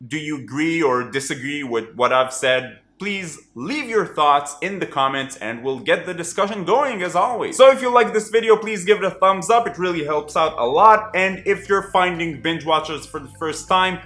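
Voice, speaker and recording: A man chatting through a casual TV review vlog in a wry, animated way. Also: a little high, moderate pace, hardly any pauses, echoey room. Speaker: TV review vlogger.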